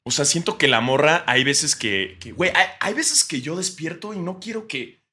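A young man with a Mexican accent trades jokes on a casual podcast and laughs often. His voice is very bright and his pitch swings widely, and now and then he breaks into loud mock shouting. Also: animated, normal speed. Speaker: podcast co-host. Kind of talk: casual comedic chat.

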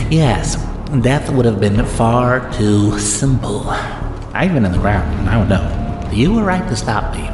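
An actor playing a gleefully sadistic clown villain in an audio drama, taunting in a drawn-out theatrical way. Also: male voice, medium pitch. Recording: echoey hall reverb over music.

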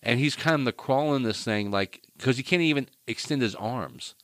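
A man in crude, rambling casual banter, telling deadpan tall tales and swearing freely. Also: medium pitch, normal speed, no room sound.

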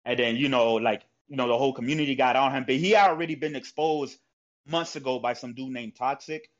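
A man talks casually and at length. His speech is full of fillers, restarts and profanity. The audio is dull and lo-fi, with an ordinary mid-range pitch. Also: steady tone, a little fast. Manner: rambling, profane, lots of fillers. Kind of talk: casual chat.

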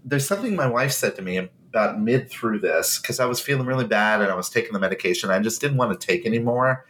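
A man's voice: lowish voice, expressive, fast, a bit bright. Male podcast co-host, congested, emphatic and enthusiastic. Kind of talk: casual podcast chat.

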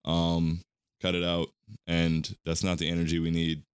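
A man's voice: low voice, completely flat delivery, normal speed, clean tone, no room sound, clean studio sound. A man co-hosting a podcast, ranting heatedly about other fans and retelling online arguments in casual talk. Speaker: podcast co-host. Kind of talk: casual sports chat.

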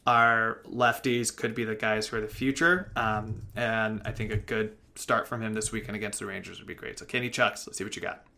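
Bright, excitable male podcast co-host. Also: lowish voice, normal speed, hardly any pauses. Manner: loose and profane, excitable. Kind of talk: casual sports chat.

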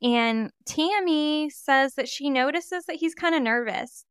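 A woman co-hosting a true crime podcast, retelling a case in an animated, casual way and acting out quoted witnesses. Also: high voice, unhurried, no room sound, studio quality. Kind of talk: casual storytelling.

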